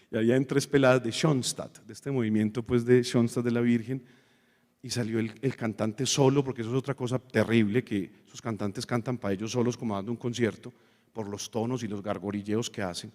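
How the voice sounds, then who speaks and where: Priest in a reverberant hall. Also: male voice, mid-range voice, moderate pace. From Colombia. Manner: animated, sings snatches of hymns and acts out quotes. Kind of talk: liturgy talk.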